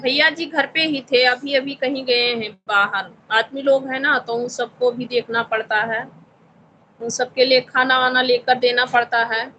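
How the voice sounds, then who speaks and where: A woman's voice: high-pitched, steady tone, a little slow, bright, forceful tone, muffled recording, a little hiss or hum. A woman from Uttar Pradesh hosting a casual live stream, politely answering viewers' comments and calling everyone brother. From Uttar Pradesh, India. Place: home in Visakhapatnam.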